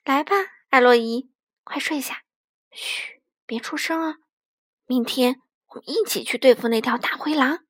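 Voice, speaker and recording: Brief: fierce scolding storybook mother, high voice, dry sound, woman playing her. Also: moderate pace, fairly bright tone, dry recording. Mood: soothing. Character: brave mother fighting off monsters.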